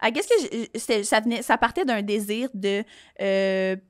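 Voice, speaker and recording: Young female podcast guest, Quebec French accent, slangy and informal, medium pitch, dry sound. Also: moderate pace, no echo. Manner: informal, peppered with slang and English words. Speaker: podcast guest, comedy performer. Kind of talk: casual conversational interview.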